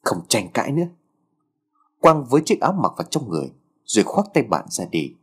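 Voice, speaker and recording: Male audiobook narrator, husky tone, animated pitch. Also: brisk.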